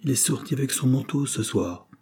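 A man's voice: medium pitch, animated, fairly quick, creaky, dark tone, breathy edge, pitched above the performer's own voice. A man voicing a stubborn young maidservant who insists firmly on what she saw. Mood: insistent. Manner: firm, insistent. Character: stubborn young maid, sure of herself.

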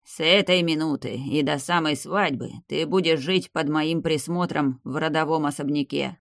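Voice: mid-range voice, fairly even intonation, normal speed, creaky, fairly bright tone, dry recording, studio quality. A reader voicing a stern, commanding old male clan head in an audiobook, barking out orders. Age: older. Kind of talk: audiobook character voice.

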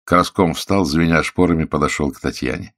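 Low-voiced male audiobook narrator, dry close recording. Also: fairly bright tone, no room sound. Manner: measured storytelling. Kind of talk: scripted narration.

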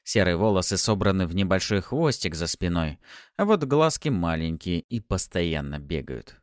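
A man narrating a first-person audiobook in a lively, expressive way. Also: sits low, normal speed, no room sound, clean studio sound.

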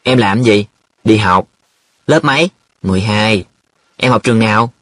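Man playing a blunt young guy, scoffing, husky. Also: on the low side, moderate pace, a bit bright, no echo, studio quality. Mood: probing. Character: blunt, mocking young man, quick to laugh.

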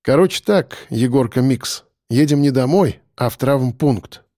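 A man doing a gruff teasing grown man. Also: medium pitch, unhurried, mellow, no room sound, clean studio sound, natural voice. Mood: dry. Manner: gruff, mocking, bossy.

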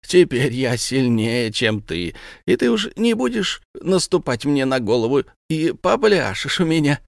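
A man's voice: medium pitch, sing-song, unhurried, creaky, no room sound, studio quality, pitched above the performer's own voice. A man doing a sneering, taunting Satan. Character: mocking male devil Satan, gloating and cruel.

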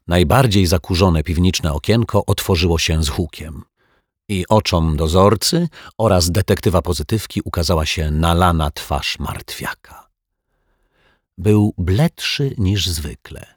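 A man narrating a children's detective story in a calm, measured storytelling manner. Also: low-pitched, breathy edge, dry recording, clean studio sound. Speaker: audiobook reader. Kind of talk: scripted narration.

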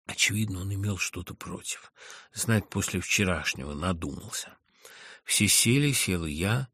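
A man giving an expressive reading of classic literature. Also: sits low, normal speed, breathy edge, no echo, clean studio sound. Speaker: reader.

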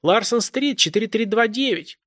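A man voicing a terrified woman on the phone to the police, shrill and sobbing, pleading frantically. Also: expressive, moderate pace, a bit bright, no room sound, clean studio sound. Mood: frantic. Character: panicked woman caller alone at home.

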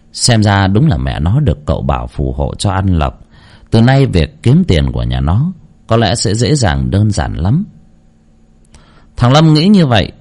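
A man narrating a spooky folk story in a steady, measured way. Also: low voice. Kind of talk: scripted horror story narration.

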